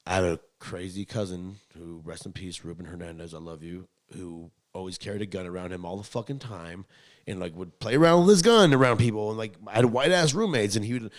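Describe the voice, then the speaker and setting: A young man with a low-sitting voice and a slightly fast pace hosts a podcast, chatting casually and telling rambling stories. His talk is slangy and profane, and he gets animated when acting out quotes.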